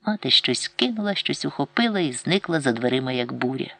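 A man narrating a literary audiobook in a measured, expressive storytelling manner. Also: mid-range voice, vocal fry, dry recording.

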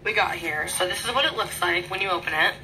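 Woman rambling excitedly in her little bedroom, phone camera audio with loud hiss behind. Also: lowish voice, fast talker, low-quality recording. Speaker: vlogger. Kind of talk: casual unboxing vlog. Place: small bedroom at home.

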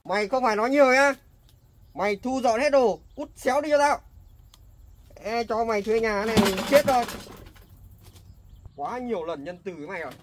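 A man's voice: fairly high pitch, animated, rapid-fire, hardly any pauses, slight background noise, close to an everyday voice. A man playing a harsh, impatient landlord who barks rude orders and scolds his tenant in a staged home drama. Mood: angry.

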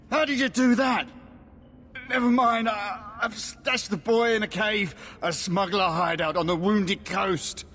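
Thuggish slaver in echoing space. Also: male voice, high voice, fairly bright tone, slight background noise. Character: thuggish, cowardly male slaver gang boss. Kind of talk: video game voice acting.

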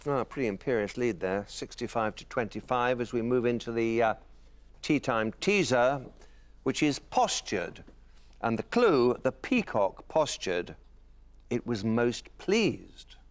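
Dry-witted game show host. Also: male voice, mid-range voice, animated, measured pace. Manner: dry, teasing quips. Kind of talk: quiz show hosting. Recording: noisy broadcast studio.

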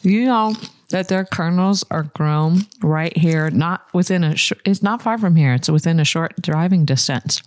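A woman's voice: on the low side, moderate pace. A woman hosting a podcast, chatting casually, laughing often and reading a sponsor ad. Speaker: podcast host. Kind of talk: casual chat with live ad read. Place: house next door to a museum.

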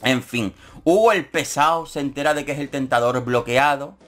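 A man's voice: medium pitch, a bit bright. A man giving camp, sarcastic commentary on a reality show as a YouTuber. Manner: camp, sarcastic, quick jokes. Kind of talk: casual comedic commentary.

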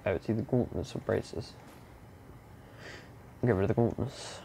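A young man giving casual commentary while playing a game, muttering to himself and breaking into silly shouts and growls. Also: fairly low pitch, moderate pace, vocal fry, slight background noise. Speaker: gamer playing through a game. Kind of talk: casual let's-play commentary.

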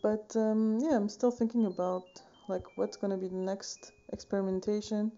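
A Swiss woman in her thirties, a painting vlogger, walks through her painting process in a wood-shelved home studio in a casual tutorial chat. Her mid-range voice is very dark and mellow, moving at a moderate pace as she rambles easily, full of fillers and self-corrections. A phone camera at desk distance captures her, and the audio sounds dull.

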